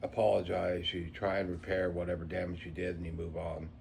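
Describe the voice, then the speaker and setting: Middle-aged male vlogger, low register, toothless slurred diction with a speech impediment, unscripted reflective monologue over some background noise. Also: little pitch movement, a little fast, creaky, a little mellow. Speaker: vlogger introducing a channel. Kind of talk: unscripted reflective talk to viewers.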